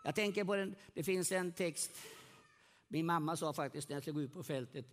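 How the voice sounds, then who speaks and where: Middle-aged male preacher, high voice, lively evangelistic sermon, long hall echo, questions to the congregation. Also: slight background noise. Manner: animated, swings loud and soft, asks the congregation questions. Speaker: pastor.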